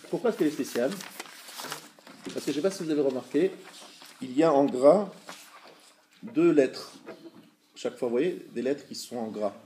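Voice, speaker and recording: A man teaching a live religious class, explaining patiently, checking with his students and sounding out words slowly to show them. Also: mid-range voice, lively intonation, a little mellow, slight background noise.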